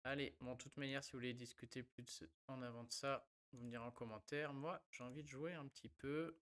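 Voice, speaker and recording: A man's voice: medium pitch, steady tone, brisk, fairly bright tone, clear, resonant tone. A man casually talking about card game decks and a giveaway, chatty and full of fillers. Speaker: card game content creator. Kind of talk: casual gameplay commentary.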